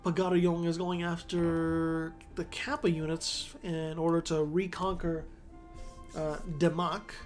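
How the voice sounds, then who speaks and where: Faint music plays behind a man whose fairly high voice comes out flat and slow. Sounding congested, he gives loose, chatty commentary on a strategy game, often correcting himself.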